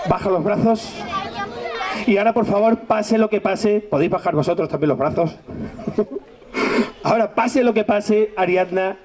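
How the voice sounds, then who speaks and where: A man performs as a children's magician, teasing and joking with a lively, swooping voice. A crowd of children chatters around him throughout the show. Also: high-pitched. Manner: playful, teasing, exaggerated exclamations. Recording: outdoor event with crowd of children.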